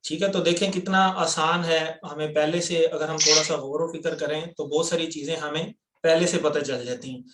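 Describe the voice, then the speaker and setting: Pakistani male teacher on a video call, higher voice, roomy echo, patient and step by step. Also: steady tone, few pauses, heavy background noise. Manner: patient, explains step by step, quizzes students. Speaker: Quran word-by-word teacher. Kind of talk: online class teaching. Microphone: computer mic on a video call.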